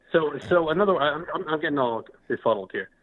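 A man calling in to a talk show over the phone, halting and stammering with many restarts. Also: on the high side. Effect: heard over the phone. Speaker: caller. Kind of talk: call-in radio talk. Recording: tinny phone line.

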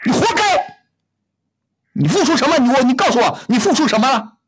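A man's voice: very high-pitched, big pitch swings, brisk, background noise. A middle-aged man hosting a call-in advice show, bluntly scolding a caller with rhetorical questions. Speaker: radio advice host.

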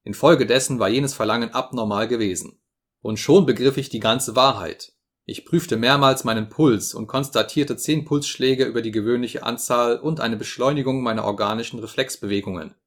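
A man's voice: mid-range voice, moderate pace, close to an everyday voice. A man reading as a pompous old professor. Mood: lecturing. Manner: grandiloquent, lecturing. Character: pompous, self-satisfied elderly male professor.

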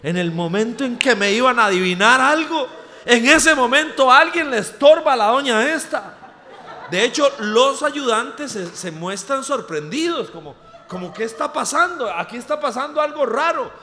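Animated Costa Rican preacher, bright voice. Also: male voice, very high-pitched, normal speed. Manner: animated, humorous anecdote-telling. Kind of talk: storytelling sermon. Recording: reverberant hall.

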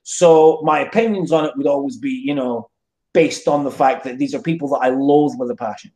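A man's voice: mid-range voice, fairly quick, a little mellow. A man with a modern British accent giving opinions in casual discussion, emphatic and often checking in with short tag questions. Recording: roomy, echoey sound.

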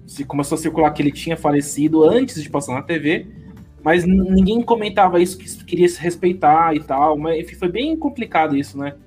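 Man, higher voice, easygoing chat, faint music behind. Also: lively intonation, brisk, a little mellow. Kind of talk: casual chat.

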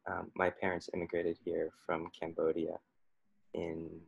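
Deep, gravelly young man. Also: monotone, dry recording, dull audio. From Oregon, United States. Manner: hesitant, many pauses and ums. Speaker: panel guest. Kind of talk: casual chat.

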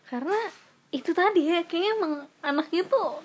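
A woman's voice: extremely high pitch, fairly quick, a crowd in the background. A young woman in her twenties telling her stories in a casual podcast chat, laughing often and mocking herself. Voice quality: husky, laughs often, animated storytelling. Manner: lively, self-mocking, slangy.

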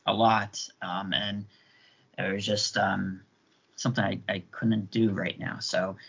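A young man in casual podcast chat, talking in a hesitant, halting way with many restarts over a remote call. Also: on the low side, little pitch movement, creaky, fairly bright tone, husky. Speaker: podcast co-host. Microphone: remote call mic. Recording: dull lo-fi call audio.

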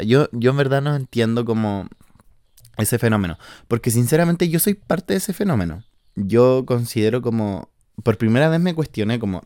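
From his house in the countryside, a Chilean podcast host in his twenties talks through a casual monologue with a Chilean Spanish accent, chatty and slangy, swearing and leaning on fillers. His mid-range voice is slightly mellow, recorded dry with clean studio sound.

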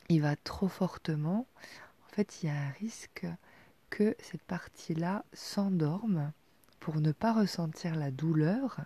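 A woman in her forties with a gravelly, warm, mellow voice gives intimate advice. She talks softly and hesitantly, with many fillers, and often sinks to a near-whisper. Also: low-pitched, no echo. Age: 40s. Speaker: sex educator.

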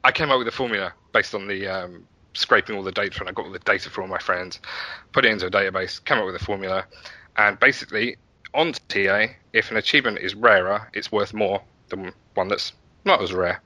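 Here the same kind of guest, a middle-aged man who founded and developed a website, talks fast in a fairly low, bright and forceful voice. In a casual interview he pokes fun at himself while describing how he built it. The audio is lo-fi and has no room sound.

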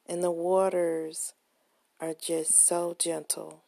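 A woman guides a relaxation meditation at a very slow pace, in a lowish, mellow voice. Her delivery is soft, gentle and soothing, with a breathy, husky grain. She sounds close to the microphone in a dry space. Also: flat delivery, no echo. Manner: soothing, gentle, unhurried instruction.

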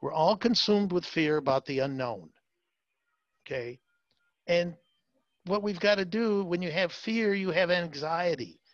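A man's voice: fairly high pitch, no room sound, dull audio. A man being interviewed as a salon marketing consultant, talking emphatically with many fillers and repeated words. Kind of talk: interview, advice talk.

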